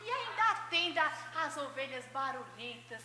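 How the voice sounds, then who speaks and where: A woman's voice: sits high, very animated, moderate pace, heavy background noise. A woman playing an overworked church secretary who complains in a whiny, self-pitying way in a comic church skit, in an echoey hall with a faint audience. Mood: complaining.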